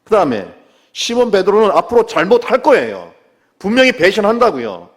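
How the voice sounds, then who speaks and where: A middle-aged man delivers a sermon in a teacherly way, putting questions to his listeners and answering them himself. His voice sits somewhat high and moves with wide, animated swings, dipping low for scripture quotes and rising to press a point. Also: breathy edge. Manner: drops low and slow to quote scripture, rises when stressing a point. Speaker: pastor.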